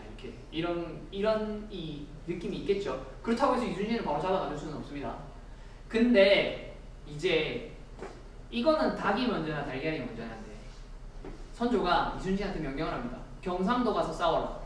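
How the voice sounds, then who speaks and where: A man giving a storytelling history lecture, animated and asking the audience questions. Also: a little high, a little hiss or hum. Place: lecture hall. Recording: echoey lecture room.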